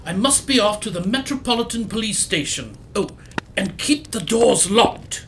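A man playing an excitable, courteous Victorian gentleman doctor in an audio drama, proper and exclamatory. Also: high voice, moderate pace, a little hiss or hum. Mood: alarmed, urgent. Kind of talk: period audio drama acting.

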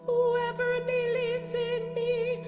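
A female cantor sings the Gospel acclamation in a very high, slow, sustained line. Her voice rings with cathedral echo in a large church. Loud instrumental accompaniment plays alongside her. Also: monotone, over loud music. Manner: slow sustained chant-like singing.

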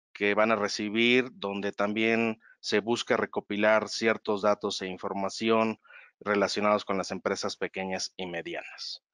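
A man presenting slides in a webinar, explaining in a measured way and calling for the next slide. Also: on the low side, a bit bright, clear, resonant tone, no echo, studio quality.

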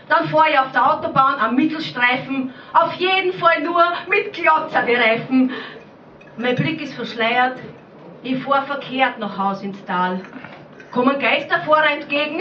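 A woman's voice: high-pitched, slight background noise. A woman with an Austrian accent reciting brash, mocking rhyming poetry at a slam. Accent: Austrian German. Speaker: slam poet. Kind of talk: rhyming dialect poetry performance. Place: small bar stage. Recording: echoey room, far-off mic, dull lo-fi sound.

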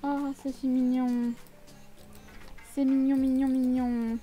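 A woman's voice: sits high, level tone, slow pace, mellow, faint music behind. A woman giving casual, chatty gameplay commentary with a playfully teasing manner. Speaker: video game let's player.

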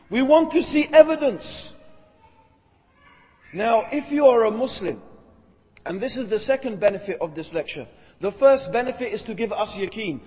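Male lecturer, very high voice, rhetorical and probing, recorded in a long-reverb hall on dull audio. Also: husky. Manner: rhetorical, checks in with listeners. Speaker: Islamic lecturer. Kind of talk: religious lecture.

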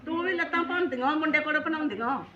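A woman's voice: high-pitched, fast talker, crowd noise, natural voice. An older woman playing an indignant mother who scolds her daughter's husband, cutting in again and again to ask what she thinks, in an amateur family skit. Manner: indignant, keeps asking "hain?". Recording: roomy, dull lo-fi sound.

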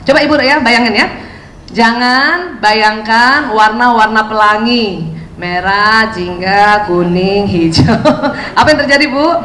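Animated high-voiced woman lecturing. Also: slow pace, echoey room, a little hiss or hum, poor audio. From Indonesia. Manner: animated, acts out quoted speech, laughs often. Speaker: lecturer giving a parenting talk. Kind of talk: lively religious parenting talk to mothers.

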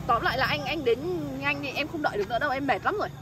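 High-voiced, exasperated young woman. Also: racing, far from the mic. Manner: exasperated, pleading. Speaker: woman who found the bag. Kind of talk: staged street drama. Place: roadside outdoors in the evening. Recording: street noise behind.

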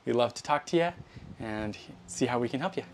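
Cheerful contractor guy walking you through a job outside, phone at arm's length, middle pitch. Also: expressive, fairly quick. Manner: upbeat and chatty, explaining step by step. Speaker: building contractor. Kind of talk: on-site how-to walkthrough. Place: outdoors at a basement walkout door. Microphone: phone held at arm's length.

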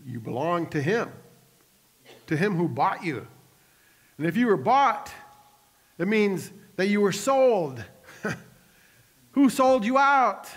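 A man's voice: high-pitched, sing-song, slow, pauses often, slightly rough. A male pastor preaching a sermon, telling stories animatedly and adding joking asides to the congregation. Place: church sanctuary. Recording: long reverb of a church hall.

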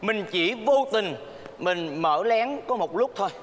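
A man's voice: sits high, expressive, quick pace, heavy background noise. An actor playing a fussy, dramatic middle-aged mother who nags her daughter, in a stage comedy sketch. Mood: coaxing. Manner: exaggerated nagging, theatrical complaints.

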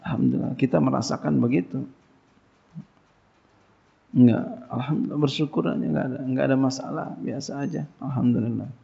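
Male preacher, gravelly, colloquial question-and-answer lecture, muffled low-fi audio. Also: fairly even intonation, a little fast, long pauses, warm tone. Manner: colloquial, call-and-response questions. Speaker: pesantren teacher. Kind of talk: casual religious lecture. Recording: dull lo-fi lecture recording.

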